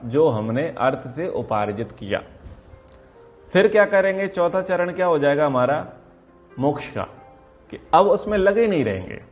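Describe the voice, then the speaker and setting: A man teaching a class on Vedic philosophy, asking questions and answering them himself, and stretching key terms slowly for emphasis. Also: mid-range voice. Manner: asks and answers his own questions. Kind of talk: classroom lecture.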